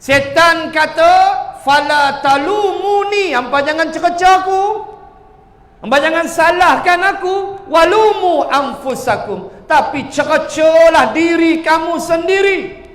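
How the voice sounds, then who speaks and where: A man's voice: very high voice, slow, fairly bright tone, voice pushed up, heavily acted. A man voicing a mocking male Satan who taunts and scorns his followers, in an echoey hall. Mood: jeering. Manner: scornful, jeering.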